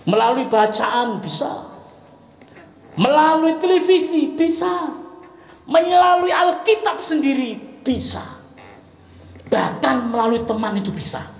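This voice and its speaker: A man preaching a sermon in an East Javanese accent, chatty and animated, swinging between loud exclamations and soft asides. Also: very high-pitched, measured pace, vocal fry, pauses often, highs cut off. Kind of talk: Sunday sermon. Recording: echoey room with faint background noise.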